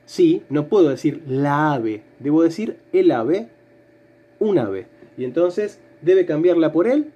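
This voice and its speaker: A man's voice: fairly high pitch, animated, slow, warm tone, highs cut off. A man, a language teacher giving a recorded remote lesson, explaining patiently step by step with fillers.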